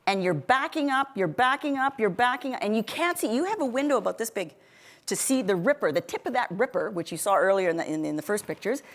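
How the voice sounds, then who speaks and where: A middle-aged woman giving a motivational keynote, telling stories in a chatty, animated way, restarting sentences often and laughing a lot. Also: a little high, quick pace. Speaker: keynote speaker. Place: event stage before an audience.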